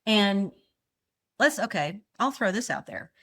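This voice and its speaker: A woman's voice: mid-range voice, big pitch swings, a little slow, a bit bright. A middle-aged woman physician, a podcast guest who explains conflict and acts out short example dialogues. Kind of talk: conversational podcast interview.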